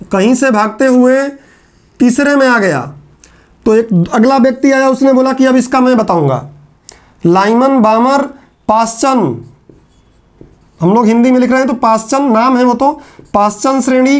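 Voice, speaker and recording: High-voiced male lecturer, repetitive. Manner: conversational, repeats phrases for emphasis. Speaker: teacher. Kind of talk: classroom lecture.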